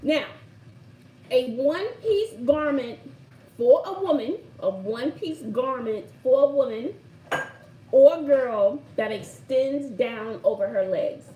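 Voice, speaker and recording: Speaking slowly and animatedly, this Brooklyn-accented middle-aged woman runs a relaxed live word game, repeating phrases with playful emphasis. Her voice sits high with a dark tone. The sound is lo-fi from a distant mic in an indoor home room near a shuttered window, echoing, with faint background noise.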